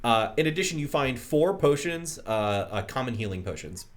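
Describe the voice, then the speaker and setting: A man narrating as game master of a tabletop game, descriptive and quick to laugh, with many fillers. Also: mid-range voice, animated.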